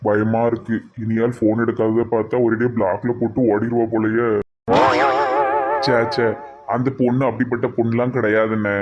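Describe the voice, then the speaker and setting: A man's voice: medium pitch, flat delivery, normal speed, highs cut off, over loud music, natural voice. A man with a Tirunelveli Tamil accent voicing a hot-headed young cartoon character who blusters and makes dramatic threats. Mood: worried.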